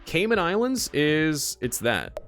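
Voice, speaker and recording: Streamer, late twenties, lively up-and-down voice, rambling self-mocking banter, faint music under it. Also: male voice, fairly high pitch, slow. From United States. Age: late 20s. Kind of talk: casual chat while gaming.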